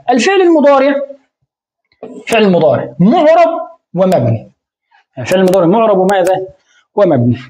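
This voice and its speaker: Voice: mid-range voice, darkish tone. A grammar teacher explaining a lesson, tossing out rhetorical questions and answering them, repeating key terms again and again.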